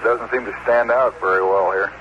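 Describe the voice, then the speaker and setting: A man's voice: on the low side, moderate pace. Man on crackly space radio. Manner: clipped call signs, steady and matter-of-fact. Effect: crackly space radio transmission. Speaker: mission control radio operator. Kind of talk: terse radio protocol talk. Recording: dull, hissy archival radio link.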